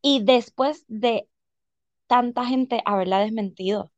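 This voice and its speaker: A woman's voice: fairly high pitch, takes it slowly, no echo, muffled recording. A woman, co-hosting a gossip chat, telling stories animatedly with English words mixed in. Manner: animated storyteller, exclaims and mixes English. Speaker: podcast co-host.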